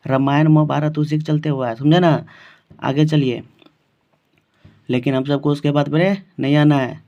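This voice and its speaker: A man's voice: on the high side, level tone, moderate pace, mellow. A male teacher with a Bihari Hindi accent giving an exam-focused lesson, repeating questions and answers for the class. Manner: repetitive, quizzing the class. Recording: dull lo-fi recording.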